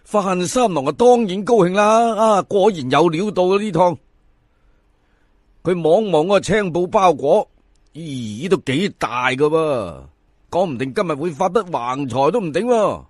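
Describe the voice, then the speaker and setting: Speaking a little slowly, a Cantonese man narrates a folk tale in episodes, his voice slightly high for a man and full of lively pitch swings. He's theatrical and chatty, speaking straight to his audience. The recording is close and dry, with no room sound.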